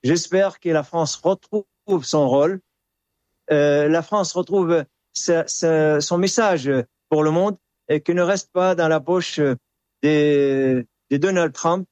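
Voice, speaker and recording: A man's voice: a little high, slow, darkish tone, no echo. A man from Syria giving a hesitant, earnest testimony as a radio guest, restarting his words often. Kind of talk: phone or studio interview testimony.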